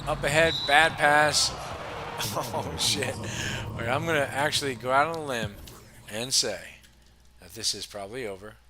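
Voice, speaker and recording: A man's voice: medium pitch, unhurried, a crowd in the background. A man casually commenting on a basketball video game, laughing often and rattling off player stats. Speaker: gaming channel host.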